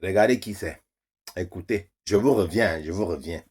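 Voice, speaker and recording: Husky low-voiced man greeting his followers. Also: normal speed, a little mellow. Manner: jokey, teasing introductions. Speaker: video host. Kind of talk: casual video greeting.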